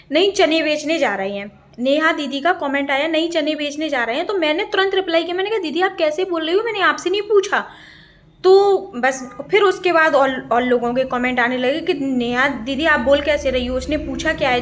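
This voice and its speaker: A woman's voice: sits high, a bit bright. A young woman vlogger chatting casually, getting agitated as she tells a story. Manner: chatty, grows agitated when recounting the dispute.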